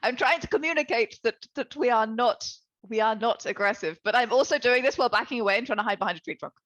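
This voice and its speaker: A woman's voice: on the high side, fast talker, a bit bright. A woman playing a tabletop role-playing game, chatting through her character's plan. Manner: chatty, explains her moves. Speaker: player.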